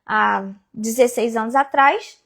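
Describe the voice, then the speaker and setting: A woman's voice: a little high, takes it slowly, vocal fry. A woman in her forties from Rio de Janeiro state, a business owner telling her story as an interview guest over a video call. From Rio de Janeiro state, Brazil. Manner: lively storyteller who acts out quoted dialogue.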